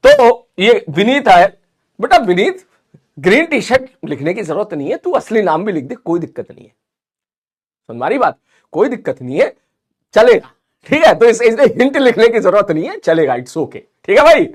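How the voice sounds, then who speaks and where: A high-voiced man with an Indian accent teaches physics in a live online class. He talks quickly and energetically, chatty and encouraging as he reads out messages from students. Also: sing-song.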